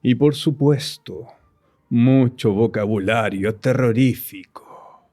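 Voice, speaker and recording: A man playing a sinister undead villain doctor from a horror radio play, husky voice and pompous, gloating, mock-courteous manner. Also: medium pitch, slow, dark tone. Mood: ominous. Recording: music behind the voice.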